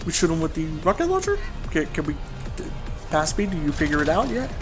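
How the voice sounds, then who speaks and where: A man's voice: on the high side, huge pitch swings, quick pace. A man giving casual, rambling let's play commentary in informal, sweary language. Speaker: gamer commentating a playthrough. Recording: voice-over with game music and gunfire. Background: game music and gunfire.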